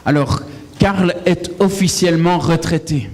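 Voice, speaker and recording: A man, the church pastor, giving a warm and gracious introduction of a guest speaker. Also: a little high, measured pace, big-room sound.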